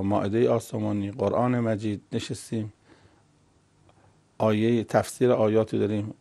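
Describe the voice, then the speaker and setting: Low, mellow-voiced man opening a program. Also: vocal fry. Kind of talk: formal opening prayer and introduction.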